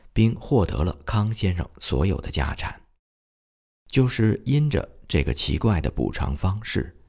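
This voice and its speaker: A man reading a historical book aloud as a steady audiobook narration with dramatic emphasis. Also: sits low, vocal fry, husky. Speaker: audiobook reader.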